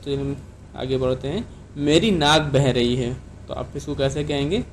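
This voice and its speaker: A man with an Indian accent hosting an English lesson, explaining in Hindi and repeating each English sentence slowly twice. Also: mid-range voice, a little hiss or hum. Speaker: English teacher and channel host.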